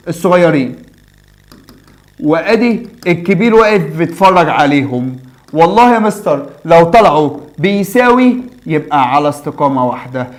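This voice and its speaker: A young man with an Egyptian Arabic accent teaching a math lesson in a chatty way, asking his students questions and answering them himself. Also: a little high.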